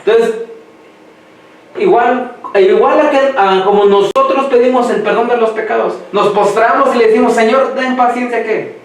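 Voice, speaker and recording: A man preaching a sermon who quizzes the congregation and lets them finish his sentences, slowing down to read scripture aloud. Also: very high voice. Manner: slows down when reading scripture aloud. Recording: echoey hall, mic far off.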